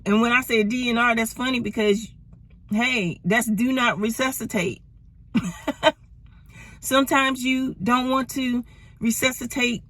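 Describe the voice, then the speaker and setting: A woman's voice: fairly high pitch, fairly bright tone. A woman over forty giving a casual motivational talk to camera from her parked car, a little out of breath, laughing often and drawing out her words for emphasis. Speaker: motivational vlogger.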